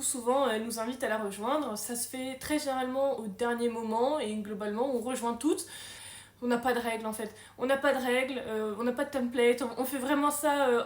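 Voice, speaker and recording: Chatty young woman, echoey room. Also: high-pitched. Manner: chatty, self-mocking, many fillers. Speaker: book vlogger. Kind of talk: casual reading vlog.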